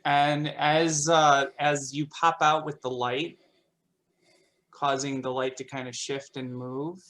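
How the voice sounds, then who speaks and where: Slow higher-pitched guy game-mastering, lots of uh and restarts. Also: little pitch movement, a bit bright. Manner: halting, with many restarts and fillers. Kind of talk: narrating a tabletop game over a call.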